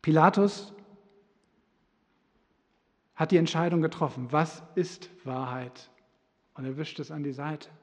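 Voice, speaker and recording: A man preaching a sermon in a church service, fervent, swinging from hushed to loud. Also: on the high side, unhurried, pauses often. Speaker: pastor. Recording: long reverb of a hall.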